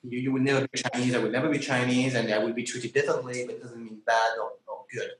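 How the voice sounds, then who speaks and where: A man hosts a conversational interview in an echoey recording. His voice is medium in pitch. He speaks haltingly and keeps rephrasing his thoughts. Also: flat delivery, a little hiss or hum. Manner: halting, rephrases questions repeatedly. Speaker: interview host. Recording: echoey, roomy sound.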